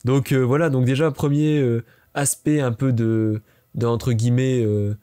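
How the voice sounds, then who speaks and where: A man's voice: medium pitch, fairly even intonation, warm tone, clear, resonant tone. A young man from France telling a fan-meeting story in a casual, chatty way, with lots of fillers. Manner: rapid chatty with many fillers. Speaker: vlogger.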